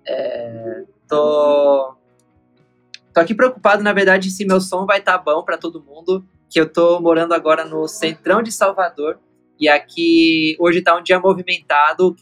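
A man from Mexico, a musician guest talking about his music from his home in a busy city centre, in a lively, self-deprecating way. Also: on the high side, normal speed. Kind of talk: casual interview.

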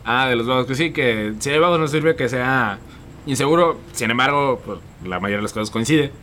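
A man's voice: mid-range voice, fairly quick, sharp tone, a little hiss or hum. A man, co-hosting a casual podcast chat, chiming in with short slangy remarks. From Mexico. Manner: brief slangy interjections and backchannels. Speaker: podcast co-host.

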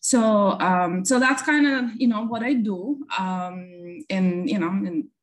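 A woman from Bulgaria, an immigration attorney, answering interview questions casually with many pauses and fillers and a light laugh. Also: medium pitch.

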